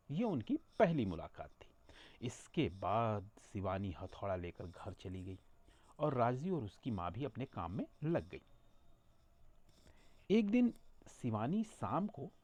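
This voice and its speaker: A man's voice: lowish voice, a little mellow, slightly rough. A man narrating a family story, reading it out and voicing every character himself. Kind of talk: scripted narration.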